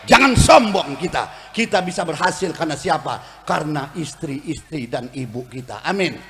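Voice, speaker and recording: A middle-aged man, preaching a humorous religious sermon with shouts for emphasis and acted-out quotes. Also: on the high side, lively intonation, moderate pace, big-room sound, a little hiss or hum.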